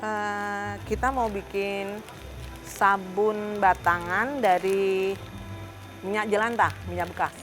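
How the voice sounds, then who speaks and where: A woman's voice: medium pitch, flat delivery, slow, faint music behind. A woman in her late fifties from Indonesia, talking casually about her volunteer work in a chatty way. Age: 50s. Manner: chatty, with soft laughs. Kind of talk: casual interview.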